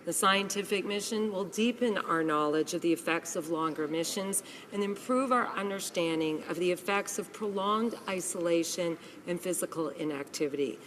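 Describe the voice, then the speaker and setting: A woman's voice: lowish voice, normal speed, few pauses, fairly bright tone, a little hiss or hum. A woman delivering a prepared statement in parliament as a government minister. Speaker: government minister answering a question.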